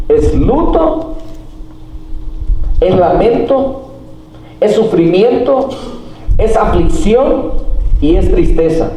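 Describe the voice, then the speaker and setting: Man, middle-aged pastor, sermon, slow, fillers and rhetorical questions, high-pitched, roomy church hall. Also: warm tone. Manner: unhurried teaching with frequent fillers and rhetorical questions. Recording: echoey hall, mic far off.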